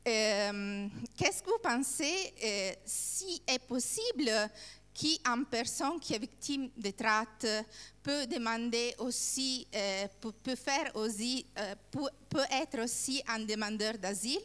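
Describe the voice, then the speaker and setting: A woman trainer speaks in a fairly high voice at a slow pace. She searches for words in non-native French as she leads a workshop. Long reverb from a hall surrounds her. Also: a bit bright, clean tone. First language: not French. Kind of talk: informal workshop presentation with questions to participants.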